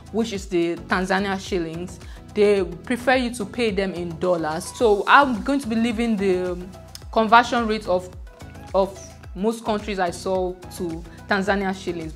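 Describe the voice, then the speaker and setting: Chatty woman travel vlogger at a resort. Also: mid-range voice. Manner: chatty, conversational, with frequent "like" fillers. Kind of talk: casual travel vlog. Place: at a seaside resort.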